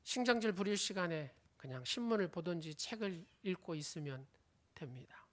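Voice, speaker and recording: Speaking at normal speed with lively intonation and a lowish pitch, a woman delivers a sermon in a church sanctuary. She quizzes the congregation and tells an illustrative story, often letting her sentence endings fade to a whisper.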